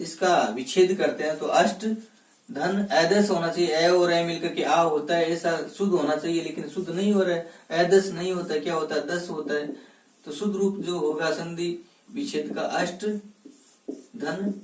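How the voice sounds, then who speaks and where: A male teacher giving a classroom grammar lesson, asking questions and answering them himself, breaking words slowly into their parts. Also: fairly high pitch, recorded from a distance. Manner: slow and deliberate, stresses each part of a word. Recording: echoey room, voice from off mic.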